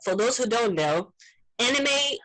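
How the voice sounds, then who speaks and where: A woman speaks on a casual video call, relaxed and quick to laugh. She talks slowly and her pitch moves a lot. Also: rough recording. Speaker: meeting participant. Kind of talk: casual online group chat.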